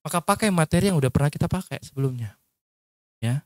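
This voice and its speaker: A man's voice: a little high, expressive, fast talker, darkish tone, dry recording, studio quality. A man teaching public speaking to a group in a casual workshop lecture, explaining points and demonstrating tones with his voice. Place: training session at an Islamic school.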